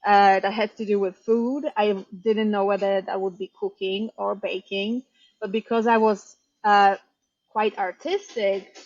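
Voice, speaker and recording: A woman's voice: fairly high pitch, no room sound, lo-fi sound. A woman in her thirties from Poland, a bakery owner talking casually about how she started, with lots of ums and easy laughs. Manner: chatty, warm storytelling with frequent ums and light laughs. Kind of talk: casual interview answers.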